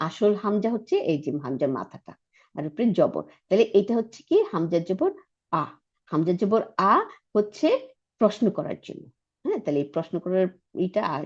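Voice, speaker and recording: A woman teaching Arabic grammar in Bengali with a Bangladeshi accent, checking understanding with frequent questions and repeating terms slowly. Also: on the high side, darkish tone, breathy edge. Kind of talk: explanatory grammar lesson. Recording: dull lo-fi recording.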